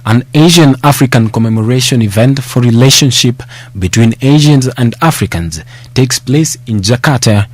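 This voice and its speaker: A man reading scripted documentary voice-over narration in a formal, measured way. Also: mid-range voice, darkish tone, dry recording.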